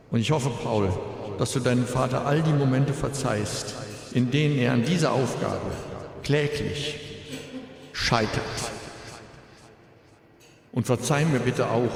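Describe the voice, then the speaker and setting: A middle-aged man delivers a funeral eulogy in a large, very reverberant hall. His mid-pitched voice is measured and solemn, with deliberate pauses and a streak of dry humour. Long echoes trail behind his phrases. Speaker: bereaved father giving a eulogy.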